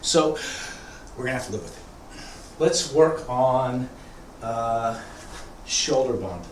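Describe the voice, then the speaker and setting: A man teaching tai chi informally, thinking aloud haltingly as he demonstrates, with a congested throat. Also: mid-range voice, animated. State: throat congested, often clearing it. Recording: echoey room, distant mic, background noise.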